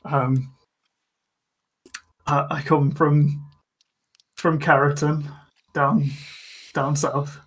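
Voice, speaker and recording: Hesitant fantasy misfit, played by a man: slow, faltering delivery in a feeble dying man's voice. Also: fairly high pitch, level tone, slightly rough, heavily acted, rough recording. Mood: hesitant, sheepish. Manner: halting, stammering.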